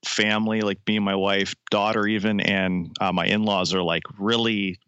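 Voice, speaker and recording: A man's voice: fairly low pitch, level tone, moderate pace, fairly bright tone, clear, resonant tone, dry recording, lo-fi sound. A forty-year-old man, a musician being interviewed, friendly and rambling, full of likes and restarts. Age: 40s. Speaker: musician guest. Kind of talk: casual interview. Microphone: phone line.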